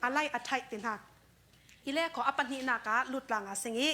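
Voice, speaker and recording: A woman's voice: a little high, fairly quick, bright, forceful tone. A woman preaching a sermon in a conversational way, dropping in English words now and then.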